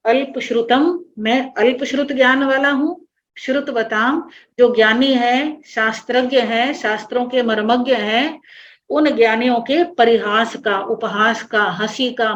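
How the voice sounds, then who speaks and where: A woman religious teacher giving an online class, explaining a hymn line by line in a patient, repetitive way. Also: a little high. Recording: dull lo-fi online class audio with faint noise.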